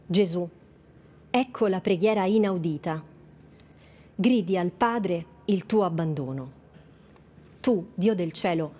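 A woman reading liturgical prayers and meditations in a slow, measured, prayerful way. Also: lowish voice, mellow.

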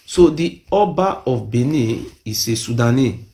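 Speaking into a phone or webcam close to his face in a small room, a middle-aged Nigerian man gives an impassioned self-made video monologue, insistently repeating his claims. His Nigerian-accented voice is mid-range, expressive and warm, at a measured pace with slight background noise.

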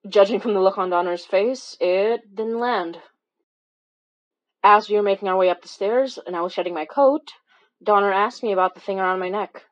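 In a horror fiction podcast style, an actress voices a wry, weary young woman recounting eerie events in a conversational, hesitant first-person confession. Her mid-range voice sounds natural and moves at a moderate pace, though the audio is dull. She is the audio drama's lead narrator, telling the story with dry humor.

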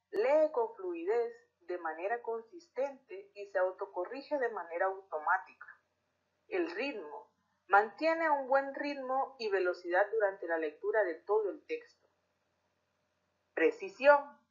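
A woman teacher giving a recorded reading lesson for pupils, speaking clearly and deliberately with careful articulation. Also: medium pitch. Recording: dull lo-fi recording.

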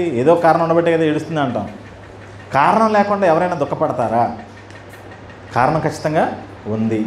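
Telugu preacher, male, fairly high voice, rhetorical questions and repetition, echoey hall sound with a light hiss behind. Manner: asks the listeners rhetorical questions and repeats key phrases. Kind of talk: sermon. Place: church. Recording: echoey church room.

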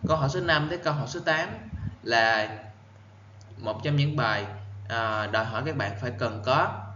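A male English teacher with a Vietnamese accent, giving an exam-prep lesson. He reads words out carefully, repeats them for pronunciation and explains in quick bursts. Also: medium pitch, bright, forceful tone, roomy sound, lo-fi sound, slight background noise. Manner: reads answer options slowly, then explains in quick bursts.

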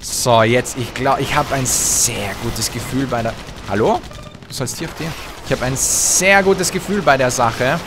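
A young man gives lively, trash-talking commentary over his own gameplay, humming and muttering to himself. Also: medium pitch, a little slow, heavy background noise. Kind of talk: excited let's-play commentary. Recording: game sound effects and gunfire behind voice.

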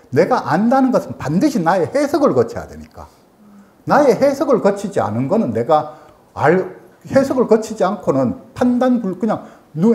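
A man, a psychologist giving a lecture and acting out quoted thoughts in a raised voice. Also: fairly high pitch. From South Korea. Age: 60s. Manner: acts out quoted thoughts in raised voice, lively explanatory. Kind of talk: lecture on empathic listening. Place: lecture hall.

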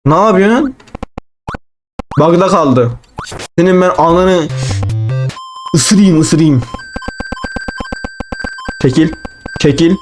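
A young man livestyle gaming, loudly frustrated and cursing at a hard game while he plays, repeating words over and over. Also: a little high, expressive, extremely slow, pauses often, soft background music. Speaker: gaming youtuber. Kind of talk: frustrated gameplay commentary.

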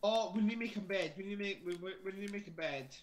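A man's voice: high-pitched, racing, slight background noise. A Scottish man chatting casually while gaming, swearing a lot and rambling repetitively in a drunken way. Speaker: gamer playing Minecraft with a friend.

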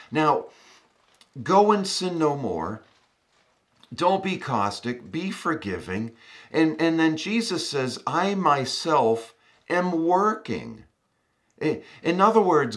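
A man preaching a conversational sermon as pastor. He often repeats words as he starts a thought and ends in a quiet prayer. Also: mid-range voice.

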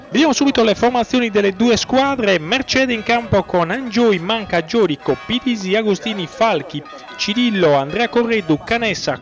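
A man commentates on football. His delivery is excitable and his pitch moves around in a lively way. The audio is dull and lo-fi. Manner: excitable, swells on chances and goals. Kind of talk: live sports commentary of a youth football match. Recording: dull lo-fi audio, faint music.

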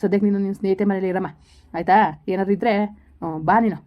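Brief: a fatherly police officer, firm but soothing and quick-spoken, played by a woman, lo-fi sound. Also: mid-range voice, steady tone, natural voice. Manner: reassuring, fatherly, rapid. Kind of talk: village family drama. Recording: dull lo-fi recording.

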